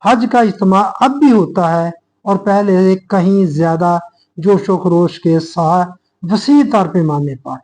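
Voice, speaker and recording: A man with a Pakistani Urdu accent gives a sermon-style lecture in a fairly high voice. He speaks earnestly, addressing his listeners as brothers and reasoning aloud, restarting sentences as he explains. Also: slow pace, a little mellow, poor audio. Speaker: religious speaker.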